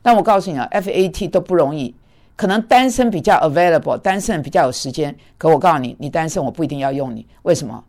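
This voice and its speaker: A woman's voice: sits low, quick pace. Blunt scolding woman preacher. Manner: blunt, scolding, lively and animated. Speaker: preacher and mentor. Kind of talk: sermon. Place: speaking in Manhattan.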